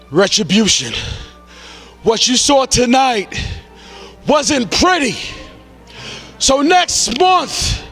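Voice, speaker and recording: A man, a pro wrestler, cutting a slow, menacing wrestling promo. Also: extremely high pitch, fairly bright tone. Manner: slow, gravelly, menacing drawl.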